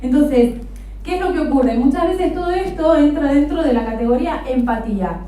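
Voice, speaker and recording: At a professional conference, a woman with an Argentine Rioplatense accent gives a practical, explanatory lecture with a touch of humor. Her high, mellow voice has lively intonation and runs a little fast, heard from far off in a very echoey hall.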